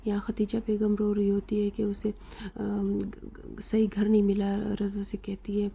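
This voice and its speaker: A woman narrating an episode recap of a drama, retelling the plot with fillers and pauses. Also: mid-range voice, monotone, vocal fry, mellow, breathy edge.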